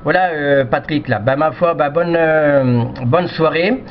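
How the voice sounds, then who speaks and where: A man with a slightly high voice talks at a measured pace in a casual amateur radio contact. He's polite and hesitant, rambling and often repeating himself. The audio is dull, lo-fi radio sound with noise.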